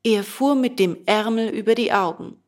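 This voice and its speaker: A woman reading a children's storybook aloud, slow and expressive. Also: fairly high pitch. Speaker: narrator.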